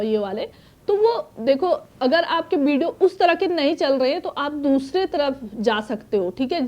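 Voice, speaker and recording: Speaking in a high, warm voice over dull audio, the Uttarakhand boutique owner, a woman in her thirties, holds a casual Q&A from her small shop using a phone on a tripod. She reads viewers' comments aloud and offers chatty advice, stopping now and then to cough or clear her throat.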